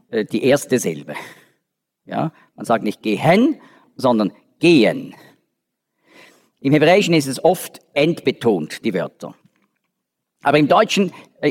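Lively man teaching in a reverberant hall. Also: mid-range voice. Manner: explanatory, with frequent restarts and fillers. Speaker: Bible teacher. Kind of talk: Bible study lecture. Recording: long reverb of a large hall.

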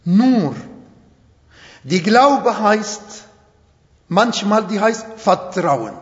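This middle-aged preacher has a sing-song, fairly high voice as he gives a slow, emphatic sermon in imperfect German colored by his native Arabic accent. Everything sounds dull and echoes with long hall reverb, as in a church hall.

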